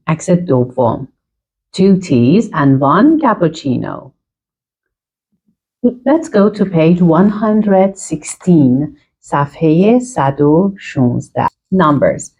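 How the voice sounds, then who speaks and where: Female English teacher, low and husky, patient step-by-step explanations, lo-fi recording. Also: darkish tone. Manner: explains step by step and models phrases for learners to repeat. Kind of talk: online language lesson.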